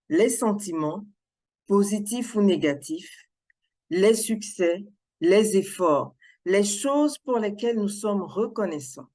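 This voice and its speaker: A woman giving a prepared speech to a club, speaking in a measured, deliberate way. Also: medium pitch, a little mellow.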